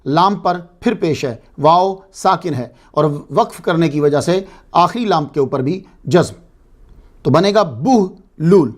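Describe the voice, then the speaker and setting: A man with a notably high voice delivers a religious lecture to a congregation. He explains step by step, often posing a question and then answering it himself. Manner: explanatory, asks and answers his own questions. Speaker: religious speaker.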